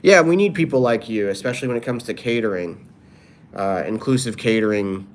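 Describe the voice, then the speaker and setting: A man's voice: mid-range voice, a little fast, a little hiss or hum. A man talking casually on a live stream, reading out viewer comments and dropping playful improvised rhymes. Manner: playful, drops off-the-cuff rhymes.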